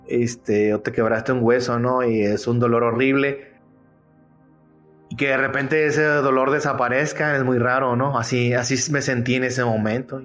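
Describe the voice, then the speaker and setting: A man tells a personal faith story in an earnest, chatty way, often turning to his listeners as he goes. His voice sits at an ordinary middle pitch. Soft music plays faintly behind him. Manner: earnest, conversational, frequent tag questions.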